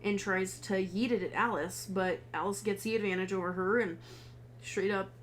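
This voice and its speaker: A woman's voice: mid-range voice, moderate pace, a little hiss or hum. A young woman co-hosting a podcast, chatting animatedly and laughing as she recaps a film and acts out the characters' lines. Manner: animated, laughing, acting out quotes. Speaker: podcast co-host. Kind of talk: casual chat recapping a film.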